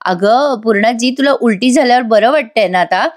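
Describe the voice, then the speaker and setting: A calm young male doctor, soothing and matter-of-fact, read by a woman. The voice stays fairly high, near the narrator's own. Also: moderate pace, natural voice.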